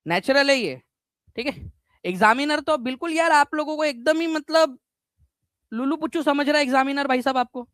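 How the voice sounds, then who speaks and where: An energetic man teaches a live online exam-prep class, repeating himself, quizzing students and mixing English words into his speech. The pitch is extremely high and the recording has no reverb.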